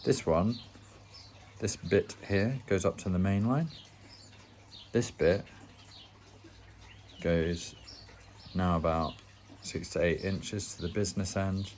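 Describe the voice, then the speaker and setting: A man with a very low voice walks through tying a fishing rig step by step, plain and explanatory, with a dry, self-mocking wit. Faint birdsong chirps in the background. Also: takes it slowly, long pauses, a little mellow, slight background noise. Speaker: angling channel host.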